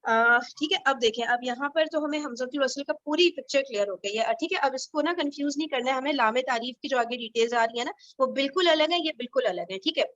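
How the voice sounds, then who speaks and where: A woman's voice: sits high, few pauses, a bit bright, no room sound, muffled recording. A woman teaching an Arabic grammar class over a video call, explaining patiently step by step and checking that her students understand.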